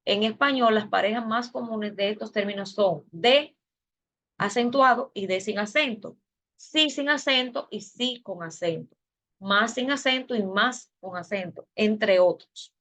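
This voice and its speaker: A woman's voice: medium pitch, unhurried, a bit bright. A woman teacher giving an online class lecture, explaining step by step with fillers and self-corrections. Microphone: video call.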